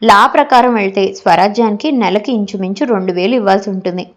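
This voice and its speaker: A woman narrating a novel as an audiobook reader, in a steady storytelling manner. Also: medium pitch, quick pace.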